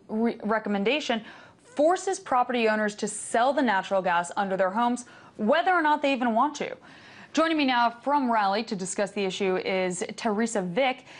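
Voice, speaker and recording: Slightly high-voiced woman news anchor. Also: expressive, brisk. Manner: reads the script with small slips and self-corrections.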